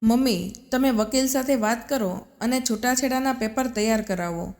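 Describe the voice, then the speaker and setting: A woman voicing a proud, headstrong young wife who speaks with sharp, indignant reproach, in a storybook reading. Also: on the high side, normal speed, close to an everyday voice. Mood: furious. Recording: long reverb.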